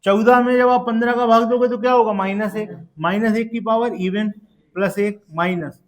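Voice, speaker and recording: A man's voice: sits high, fairly even intonation, moderate pace. A man teaching math to a classroom of students, coaxing them along and quizzing them step by step to check they follow. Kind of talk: live classroom lesson.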